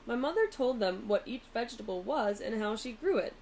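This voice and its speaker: A woman's voice: on the high side, expressive, a little fast, a little mellow, rough recording. Woman reading a storybook, faint background noise. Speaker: teacher reading a picture book aloud. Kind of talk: storybook narration.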